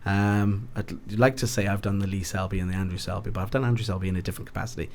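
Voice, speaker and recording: Gravelly, very deep Welsh Valleys man. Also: fairly even intonation, rapid-fire, a little hiss or hum. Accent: South Wales Valleys. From Ebbw Vale, South Wales. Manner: hesitant, rambling, self-correcting. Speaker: boxing ring announcer, podcast guest. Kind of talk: casual interview chat.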